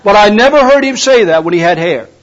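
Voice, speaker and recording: Older male preacher, high-pitched, homespun humor, muffled lo-fi sound. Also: animated, quick pace. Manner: folksy storytelling with humor. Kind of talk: sermon. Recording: dull lo-fi recording.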